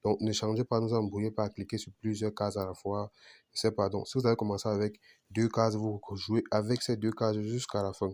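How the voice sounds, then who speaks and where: A man with a low voice narrates a screen-recorded tutorial. He talks casually, repeats and restarts phrases, and keeps checking in with his viewers. The sound is dry, with no room echo. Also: flat delivery, brisk, darkish tone. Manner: repetitive, restarts phrases, asks "vous comprenez"; apologizes for his accent. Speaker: betting channel host.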